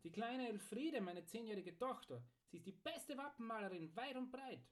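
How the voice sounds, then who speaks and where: A man's voice: fairly high pitch, big pitch swings, moderate pace, voice pushed up. A man voicing a cheerful, proud blacksmith in an audiobook story. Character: cheerful, proud middle-aged male blacksmith. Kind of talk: audiobook character voice.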